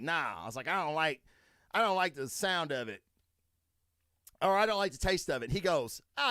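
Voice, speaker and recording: A man's voice: on the high side, a bit bright, no echo, clean studio sound. A man, hosting a solo podcast and rambling through profane stories while answering his live chat. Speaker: podcast host.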